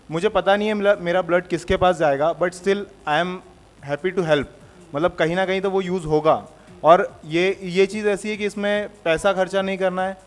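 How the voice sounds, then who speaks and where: A man who has donated blood, answering an interviewer in a relaxed, reassuring way with English phrases mixed in. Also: high-pitched. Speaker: blood donor guest.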